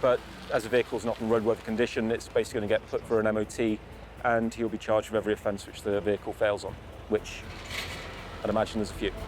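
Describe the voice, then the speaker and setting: Fast-talking, firm male police officer. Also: fairly low pitch, flat delivery, noisy background. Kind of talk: unscripted procedural explanation.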